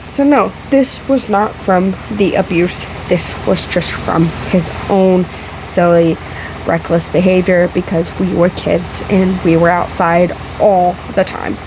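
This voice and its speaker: With a lowish voice, a woman vlogs a casual, emphatic rebuttal to a video, speaking to camera in halting phrases. She sounds sick, emotional, and somewhat out of breath, and a fan runs loudly in the room of the house.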